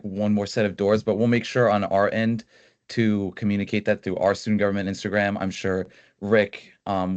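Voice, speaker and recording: Low-voiced young man giving a casual report. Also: no echo. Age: young adult. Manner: casual, frequent fillers. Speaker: student body president. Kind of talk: meeting report.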